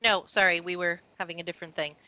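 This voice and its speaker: A woman narrating as game master of a tabletop game, animated and quick with asides. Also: on the low side, rough recording.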